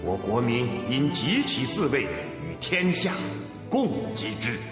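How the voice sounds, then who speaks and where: Middle-aged man, defiant revolutionary leader; vehement, lively pitch, faint score under. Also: takes it slowly, over music. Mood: proclaiming. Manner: vehement, stammers when enraged, swings from mutter to shouting. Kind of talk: historical TV drama acting.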